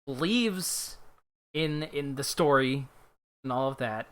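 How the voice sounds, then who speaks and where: A man's voice: medium pitch, slow pace. A man casually talking through his character as a player in a tabletop role-playing game. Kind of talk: casual, informal game discussion.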